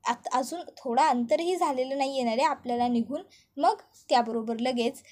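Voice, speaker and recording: A woman's voice: sits high, normal speed, a little mellow. A woman reading the lines of an insistent young man in a family story, in her own voice.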